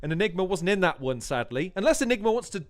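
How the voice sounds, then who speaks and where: A man hosting a casual livestream with a noticeably high voice. He is excitable and jokey, teasing his guests as he moves the conversation along, and the sound is close and dry. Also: fast talker, dry recording. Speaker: host.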